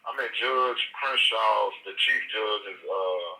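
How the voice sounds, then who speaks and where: Low-voiced man on a prison phone. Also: slow pace, bright, forceful tone. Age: middle-aged. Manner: rambling, colloquial street slang. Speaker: incarcerated interviewee. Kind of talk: conversational storytelling on a prison phone. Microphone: prison telephone. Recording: tinny, distant prison phone line.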